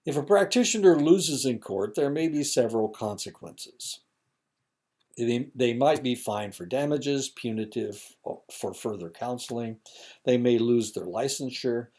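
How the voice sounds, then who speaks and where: A man's voice: mid-range voice, measured pace, mellow. A man giving a recorded lecture, reading points aloud with casual asides and fillers, his throat a little dry.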